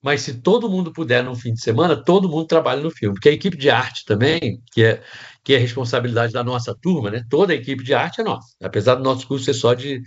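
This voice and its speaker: A man's voice: medium pitch, fast talker, dull audio. A man with a Brazilian Portuguese accent teaching set design in a casual online class, rambling with restarts and many tag questions.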